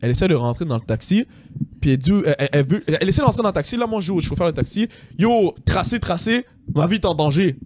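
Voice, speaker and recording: Young guy on a podcast, rapid animated storytelling, slightly high voice, tosses in english slang. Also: a little hiss or hum. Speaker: podcast host. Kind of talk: casual storytelling.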